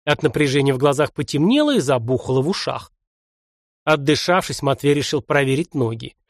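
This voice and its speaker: Guy reading an audiobook, really expressive, dry close sound. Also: mid-range voice, fairly quick, dry recording. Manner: expressive storytelling. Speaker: audiobook narrator. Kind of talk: scripted narration.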